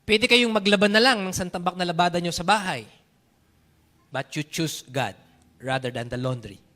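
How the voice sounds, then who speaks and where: A man with a Filipino accent preaching a sermon, animated, telling stories and switching between Tagalog and English. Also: high-pitched, normal speed. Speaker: pastor.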